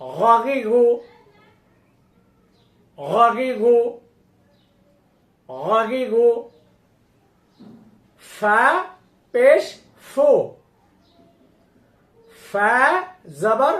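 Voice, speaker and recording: A woman teaching Quran reading through a slow syllable-by-syllable spelling drill. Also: a little high, lively intonation. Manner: slow, drawn-out, instructive recitation. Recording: echoey room.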